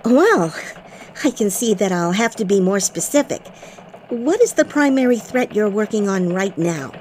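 A woman voicing a cheerful female elf news reporter in a scripted radio broadcast, with a bright newsreader delivery. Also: medium pitch, expressive, moderate pace, slight background noise, close to an everyday voice.

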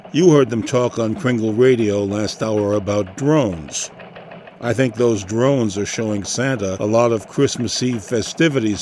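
A man's voice: fairly low pitch, slight background noise, lightly acted. A man playing a male elf security agent in a mock radio newscast, clipped and formal.

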